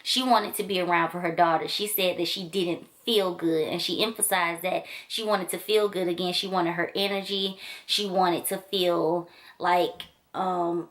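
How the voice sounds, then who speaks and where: Chatty low-voiced woman reviewing a book. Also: fairly even intonation, measured pace. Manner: chatty, enthusiastic, loose filler-heavy talk. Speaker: book vlogger. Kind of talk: casual book review to camera. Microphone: camera mic.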